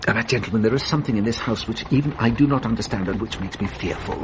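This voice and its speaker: A man's voice: lowish voice, a little hiss or hum, natural voice. A man acting in a radio drama as a shrewd, genial, self-assured French police inspector with a theatrical, musing manner. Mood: relishing, dramatic. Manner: theatrical, musing, savours his pauses.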